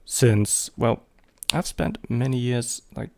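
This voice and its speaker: He's a photography vlogger in his thirties, a native German speaker whose English carries a German accent. His commentary is casual and meandering, packed with hesitations and fillers. The voice is medium-pitched and fairly even, slow, dark-toned, with vocal fry.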